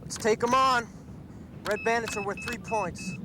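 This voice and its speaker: An actor playing a brash, combative young fighter pilot in a television science fiction drama. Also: male voice, extremely high pitch, huge pitch swings, a little slow, heavily acted. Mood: eager. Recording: loud music and engine noise behind.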